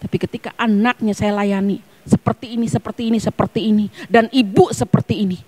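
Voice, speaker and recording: A woman's voice: medium pitch, steady tone, fast talker. Fervent woman preaching. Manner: emphatic, swings from hushed near-whispers to loud, fervent peaks. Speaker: pastor. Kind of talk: preaching a sermon. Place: church service.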